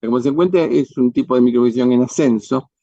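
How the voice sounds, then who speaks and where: A man with an Argentine accent giving a formal, measured lecture. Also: medium pitch, mellow, no echo, highs cut off. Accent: Argentine Spanish. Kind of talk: lecture reading.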